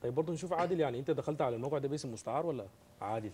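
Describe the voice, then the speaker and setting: This is a man with a Sudanese Arabic accent conducting an interview. He races through his questions in a warm, relaxed voice and keeps the guest going with short agreeing murmurs. A faint noise sits under the recording. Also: mid-range voice, rapid-fire. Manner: keeps up a steady stream of short acknowledgements. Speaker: host. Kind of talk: interview on a talk show.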